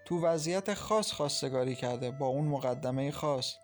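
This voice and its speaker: A man reading an audiobook, voicing a calm, loving young mother who talks softly and teases her sister warmly. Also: mid-range voice, faint music behind, natural voice. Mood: teasing. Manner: soft, reassuring, teasing. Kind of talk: audiobook character voice.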